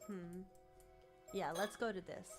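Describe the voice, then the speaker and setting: A woman's voice: fairly low pitch, steady tone, slow pace, music in the background. A woman streaming a game playthrough, talking casually and thinking aloud.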